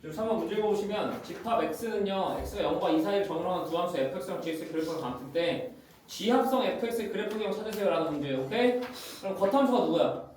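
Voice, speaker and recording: High-voiced male math teacher in echoey classroom. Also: lively intonation, darkish tone. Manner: constantly checks students' understanding, brisk and informal. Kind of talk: classroom lecture. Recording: very echoey room, far from the mic, faint noise.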